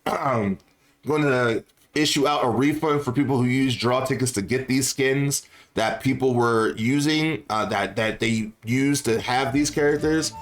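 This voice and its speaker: Speaking at a measured pace in a medium-pitched voice, this man delivers slangy, informal, opinionated gaming commentary to his viewers as a YouTuber, repeating phrases to drive points home.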